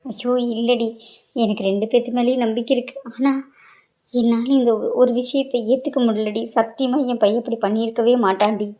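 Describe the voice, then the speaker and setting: A woman's voice: fairly high pitch, fairly even intonation, a little fast, warm tone, lightly acted. A woman voicing a middle-aged aunt who insists her son is innocent. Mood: pleading. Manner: pleading, insistent.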